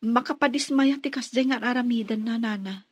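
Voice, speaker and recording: A woman's voice: on the high side, fairly quick, dry recording, natural voice. An actress playing a devoted young woman in an Ilocano radio drama, a hurt but trusting daughter and sweetheart. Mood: hurt, dismayed.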